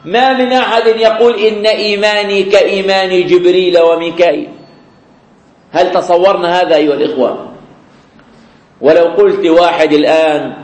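Guy preaching, fairly high voice, says things twice, slow drawn out quotes, echoey prayer hall. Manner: repeats key phrases, slow drawn-out quoting. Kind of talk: sermon. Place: mosque after prayer.

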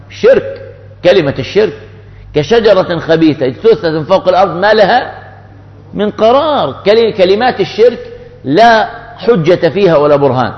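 A man giving a religious lesson on scripture, explaining with rhetorical questions and reciting verses. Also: high voice. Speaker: religious teacher. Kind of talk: Quranic exegesis lesson. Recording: muffled with long hall reverb.

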